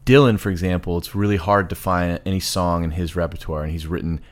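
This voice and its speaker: A man with a very low voice steers a casual chat about songwriting. He asks questions and prompts the others. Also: fairly even intonation, fast. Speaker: podcast co-host.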